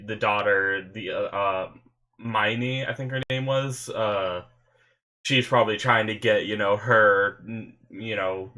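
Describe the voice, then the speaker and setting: This is excited, rambling to-camera chat from a young man hosting anime reactions in his bedroom, recorded on a desk webcam. His voice is medium-pitched and nasal from a stuffy nose, and he keeps using fillers and restarting sentences.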